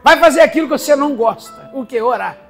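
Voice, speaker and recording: A woman with a Brazilian accent preaching a sermon in a church service, animated, laughing as she speaks and acting out the voices she quotes. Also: high voice, fast, faint music behind.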